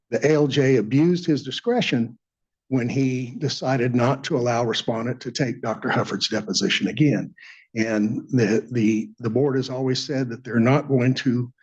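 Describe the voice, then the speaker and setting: A man's voice: medium pitch, slightly rough, muffled recording. A man answering judges as an attorney in court, hesitant and hedging, tripping over repeated words. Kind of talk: appellate oral argument.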